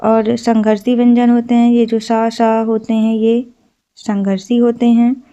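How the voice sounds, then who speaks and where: Female teacher, steady explanatory exam-prep delivery, even and monotone. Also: a little high, unhurried. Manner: steady explanatory, repeats key terms. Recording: slightly dull lo-fi recording.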